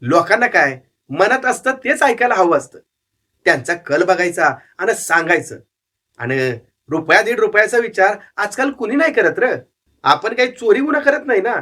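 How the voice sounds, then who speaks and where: A man's voice: high-pitched, lively intonation, moderate pace, bright, forceful tone, voice pushed up, exaggerated voice. A man voicing a shrewd, cynical old male street fortune-teller who talks bluntly and knowingly in a narrated story. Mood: amused, knowing. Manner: blunt, scolding, worldly.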